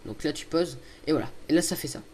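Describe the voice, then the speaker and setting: A man's voice: fairly high pitch, quick pace, a little mellow, breathy edge. A young man giving casual, chatty gameplay commentary, hesitant and full of fillers, recorded on a headset. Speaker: video host. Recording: faint background noise.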